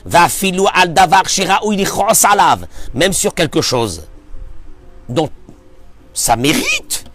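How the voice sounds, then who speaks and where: Emphatic rabbi with a lively pitch. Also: male voice, takes it slowly, faint music behind. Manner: emphatic, swings from near-shouts to hushed asides; asks and answers his own rhetorical questions. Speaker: rabbi teaching a Torah class. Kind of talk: spoken Torah lesson.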